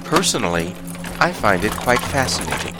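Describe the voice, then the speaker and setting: A solemn, noble warrior of audio drama played by a man. He speaks formally in a lowish, expressive voice under loud music. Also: moderate pace. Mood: curious.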